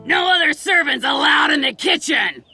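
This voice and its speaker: Shrieking, creaky old cook woman. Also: sits high, animated, moderate pace, bright, forceful tone, raised voice, faint music behind, full character voice. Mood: irate, scornful. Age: older. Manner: belligerent, barking. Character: surly old soup lady, a fierce kitchen cook. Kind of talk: video game character acting.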